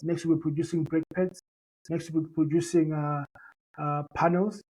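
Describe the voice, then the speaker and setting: Over a rough recording, a man with a fairly high, darkish, slightly breathy voice speaks in a level tone without hurrying. Originally a Shona speaker from Zimbabwe, this company founder talks earnestly in an interview, a conversational business pitch heavy with fillers and repeated words.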